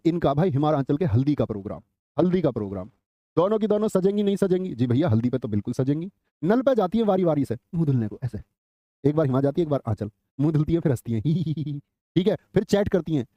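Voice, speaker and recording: A man's voice: a little high, lively intonation, fast talker, no echo. A male teacher giving a live online exam class, drilling memory tricks, calling students brother and scolding them with a joke. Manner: scolding then joking, calls students brother. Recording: dull lo-fi dry sound.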